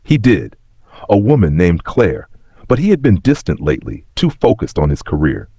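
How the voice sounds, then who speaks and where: Deep husky male story narrator. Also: wildly swooping pitch, moderate pace, warm tone, no room sound, studio quality. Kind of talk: scripted dramatic story narration.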